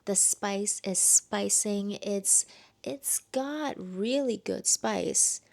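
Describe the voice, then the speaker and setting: A young woman chatting casually as she reviews a book for her vlog, with lively asides. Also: medium pitch, very slow, creaky.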